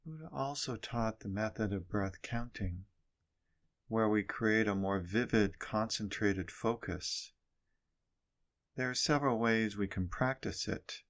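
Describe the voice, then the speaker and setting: A man teaching meditation, giving guided instruction in short, measured phrases with pauses. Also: on the low side, a bit bright.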